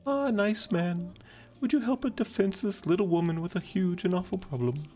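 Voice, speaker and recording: A man voicing a melodramatic, self-pitying refugee woman who once ran a posh kitchen, in a gushing falsetto. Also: moderate pace, darkish tone.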